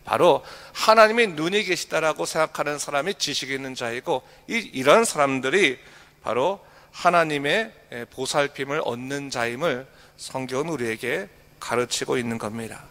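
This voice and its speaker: A male pastor giving a morning sermon, reading scripture slowly and asking the congregation rhetorical questions. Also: mid-range voice, fairly bright tone. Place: church sanctuary. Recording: long hall reverb.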